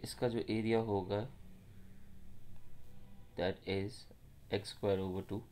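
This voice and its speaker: Man, Pakistani accent, lowish pitch, maths tutor, step-by-step explanation, Urdu mixed into English. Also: flat delivery, moderate pace, a little mellow, a little hiss or hum. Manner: mixes Urdu phrases into English. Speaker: maths teacher.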